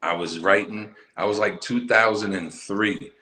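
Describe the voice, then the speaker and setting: Deep-voiced man, emphatic and roomy. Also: unhurried. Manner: emphatic, animated storytelling. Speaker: interview guest, musical poet. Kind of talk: casual conversational interview.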